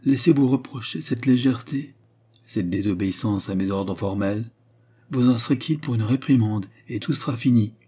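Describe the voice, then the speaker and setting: A man voicing a proud, haughty queen in an audiobook reading, his voice raised higher and delivered in an imperious, demanding way. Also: normal speed, warm tone, slightly rough, natural voice.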